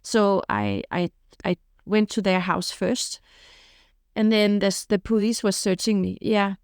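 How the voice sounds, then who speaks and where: This podcast guest, a middle-aged woman from Denmark, speaks candidly and openly about her past, telling lively stories and often saying "you know." Her mid-range voice has a clean tone and measured pace, recorded dry with clean studio sound.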